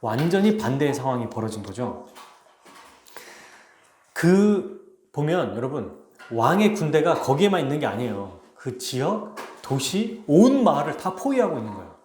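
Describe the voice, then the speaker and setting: A man pastor preaching a sermon, telling a story with animated delivery and acting out its characters. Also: a little high, normal speed, slight background noise. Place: church. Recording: echoey church hall.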